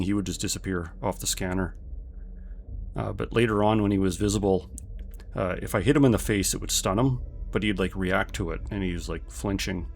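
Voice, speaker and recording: Man, low voice, gravelly, casual stream chat, rambling with fillers, faint music. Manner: rambling, thinking aloud with many fillers. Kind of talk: casual post-game chat with viewers.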